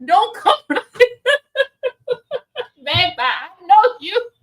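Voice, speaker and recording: A woman's voice: very high-pitched, very animated, takes it slowly. A woman hosting a casual commentary show in a sassy way, often breaking into laughter. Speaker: host.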